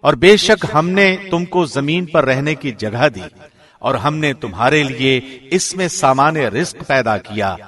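A man reads a scripture translation from a script, measured, formal, and carefully phrased like a professional radio presenter. His mid-range voice is a bit bright, with lively intonation.

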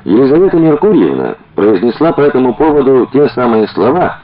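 A man reading a measured, ornate older gentleman. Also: medium pitch, very animated, lo-fi sound, crowd noise, pitched above the performer's own voice, natural voice. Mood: quiet.

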